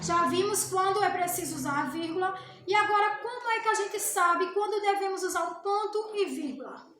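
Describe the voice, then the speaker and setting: Woman teacher, very high voice, patient explainer, echoey noisy room recording. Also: fairly bright tone. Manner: slow, patient explaining, with rhetorical questions and answers. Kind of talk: remote grammar lesson for children. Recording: echoey room with clear background noise.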